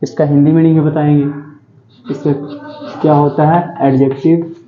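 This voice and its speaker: At normal speed and in a flat, high-leaning voice, a male teacher drills English vocabulary for exams. He goes over each word repeatedly with "ठीक है" and questions to himself, recorded in a dull, echoey lo-fi room.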